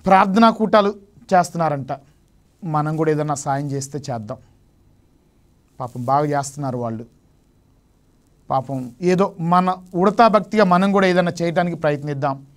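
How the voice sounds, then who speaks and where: High-voiced man preaching emphatically. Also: normal speed, long pauses. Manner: emphatic preaching, rising sharply on key phrases. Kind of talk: Lenten sermon. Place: television studio.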